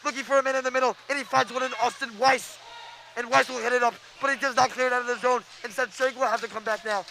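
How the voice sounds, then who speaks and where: A young man calling live hockey play-by-play, excitable and quick, stumbling over names as he goes. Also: very high voice, creaky, low-quality recording. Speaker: play-by-play announcer.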